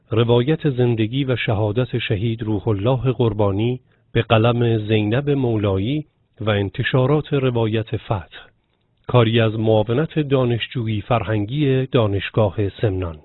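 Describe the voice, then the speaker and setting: A man reciting verse and announcing credits in a slow, solemn delivery. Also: medium pitch. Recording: phone-like sound over music.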